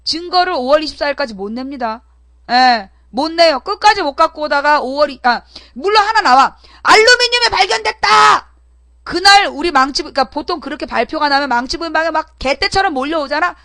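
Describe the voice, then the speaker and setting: A woman's voice: high-pitched, fast, fairly bright tone, no room sound. A woman hosting her own internet talk show, talking alone in a brash, combative way, with rhetorical questions and swearing, sometimes acting out her opponents. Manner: acts out voices of opponents in her stories. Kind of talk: solo political talk broadcast.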